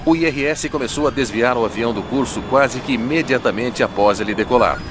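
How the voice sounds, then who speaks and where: In a studio voice-over set against a music bed, a man with a Brazilian accent delivers dramatic, scripted documentary narration. His pitch is medium and his pace a little fast.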